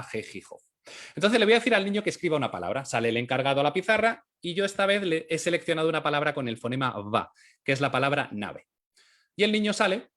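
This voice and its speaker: A man's voice: a little high, a bit bright. A man from giving an instructional talk as an early-years teacher trainer, explaining step by step and sounding out syllables and phonemes aloud.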